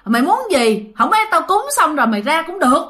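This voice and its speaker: Commanding middle-aged landlady, bright, a woman voicing her. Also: high-pitched, very animated, fast, voice pushed up, full character voice. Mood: scolding. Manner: scolding, commanding.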